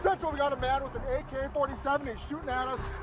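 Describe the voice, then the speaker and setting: A man's voice: very high voice, steady tone, fast, heavy background noise. A male police officer making urgent, clipped calls over a police radio. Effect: police radio transmission.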